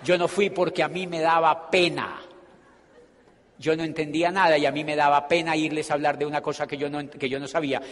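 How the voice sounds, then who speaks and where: A man's voice: on the high side, brisk. A man giving a humorous, storytelling motivational speech to an audience and acting out the scenes he describes. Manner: animated, humorous, acts out scenes. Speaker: motivational speaker at a business meeting. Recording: hall reverb.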